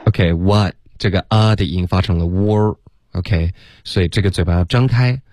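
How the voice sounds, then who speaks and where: A man with a deep, low voice works as a pronunciation coach. He corrects sounds patiently and repeats them slowly as models. The recording is dry and close. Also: a little mellow, no room sound. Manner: mixes English words into explanations.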